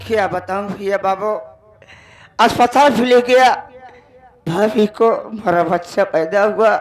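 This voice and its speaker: A man's voice: high-pitched, takes it slowly, music in the background. A man playing a distraught brother-in-law in a folk stage drama, lamenting in an anguished voice.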